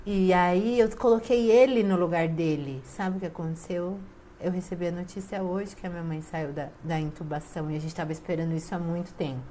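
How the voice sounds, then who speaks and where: Speaking in a fairly low, slightly mellow voice, this Brazilian Portuguese-accented woman teaches family systems from a spiritual angle. She gives viewers a casual talk full of emphatic personal anecdotes, performing the dialogue she quotes, and faint hiss or hum sits underneath.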